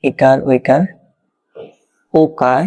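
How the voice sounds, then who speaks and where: A man's voice: mid-range voice, flat delivery, extremely slow, darkish tone. A man with a Bangladeshi Bengali accent teaching an exam-prep grammar lesson, explaining step by step and often checking if the learner follows.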